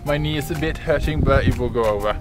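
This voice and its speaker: Loud music plays behind a young Norwegian man with a mid-range voice who talks fast in his Norwegian accent. In this casual vlog he is playful and chatty, laughing often, filming inside a wooden cabin and then outdoors in the snowy mountains.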